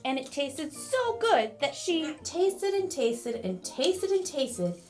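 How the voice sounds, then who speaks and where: A woman narrating a children's fairy tale from a script, with expressive storybook emphasis. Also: high-pitched, slow.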